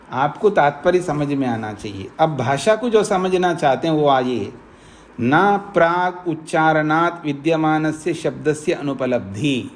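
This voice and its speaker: A man with a high voice, teaching slowly and patiently. He reads Sanskrit sutras aloud and unpacks each line for his students in an ashram lecture. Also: a little mellow. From India. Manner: explains Sanskrit sutras line by line, slow and repetitive. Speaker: monk teaching Nyaya philosophy.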